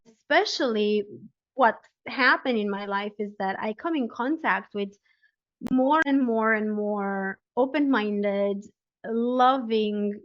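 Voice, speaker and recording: A woman with a Romanian accent, speaking as a podcast guest in an earnest, gently emphatic way. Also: fairly high pitch. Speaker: guest, spiritual life coach. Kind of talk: casual interview chat. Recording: dull lo-fi audio.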